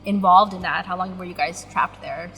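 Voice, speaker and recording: A woman's voice: lowish voice, moderate pace, fairly bright tone. A young adult woman hosting a church podcast interview, upbeat and encouraging, with short affirmations. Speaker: interview host.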